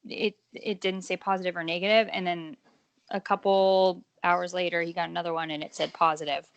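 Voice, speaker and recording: A woman chatting casually as a podcast guest. She talks with animated, giggly energy and often restarts her words. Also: lowish voice, fairly quick, gravelly, clear, resonant tone, no room sound. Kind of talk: casual chat.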